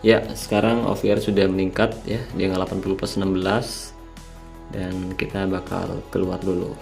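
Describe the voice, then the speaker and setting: Sounding tired late at night, a young mobile game host casually breaks down a strategy for his "guys." His low, slightly nasal voice is creaky and darkish, barely moving in pitch at a normal speed, with faint music behind him.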